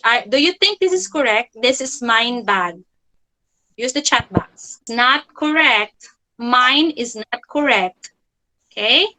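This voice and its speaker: A woman with a high, bright voice teaches an online grammar lesson for children. She talks slowly and deliberately, repeats each key phrase and keeps checking with "okay?" to make sure her young pupils follow. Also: poor audio.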